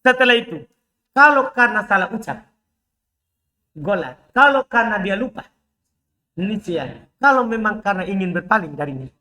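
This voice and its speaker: A man teaching Arabic grammar in a live class, explaining each point and often asking his students quick questions to check they follow. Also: sits high, expressive, bright, forceful tone.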